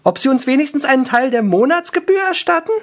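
A man's voice: extremely high pitch, animated, quick pace, voice pushed up. A man doing a whiny young elf woman. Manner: whiny, plaintive.

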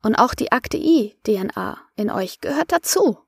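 A woman reading an audiobook voices a calm female coach who soothes and explains. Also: on the high side, moderate pace, husky, no echo, studio quality. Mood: lecturing.

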